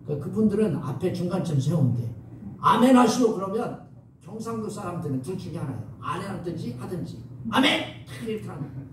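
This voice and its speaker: A man preaching a sermon as pastor, lively and coaxing his congregation to respond. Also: high-pitched, fast. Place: church sanctuary. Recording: echoey church hall from far off, faint noise.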